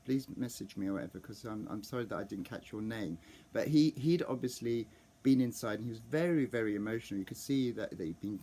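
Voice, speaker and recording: A man's voice: fairly low pitch, darkish tone, slight background noise. Chatty man rambling about a concert trip. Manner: rambling, full of restarts and ums; acts out overheard fan reactions. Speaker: vlogger. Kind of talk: casual chatty vlog.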